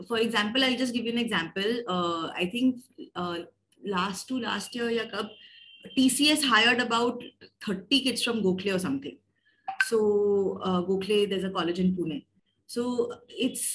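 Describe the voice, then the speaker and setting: North indian accent woman, 30s, counselor on a video call, talks fast, normal pitch, emphatic explaining, mixes languages. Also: fairly bright tone, poor audio. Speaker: academic counselor. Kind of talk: explanatory advice, mixing Hindi and English. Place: indoors at a desk on a video call.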